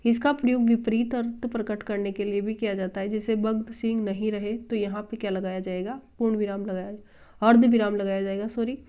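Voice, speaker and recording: A woman's voice: medium pitch, steady tone, brisk. Woman teaching grammar on a dull recording. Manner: patient step-by-step explaining, repeating terms. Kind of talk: explaining a lesson from a textbook.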